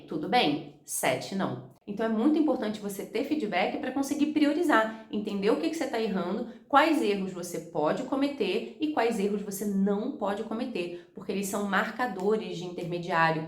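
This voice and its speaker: Young Brazilian woman, Rio accent, teacher explaining test tips to camera, echoey room. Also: medium pitch. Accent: Rio de Janeiro Portuguese. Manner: direct, talks to viewer as "you", models English phrases slowly. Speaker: English teacher.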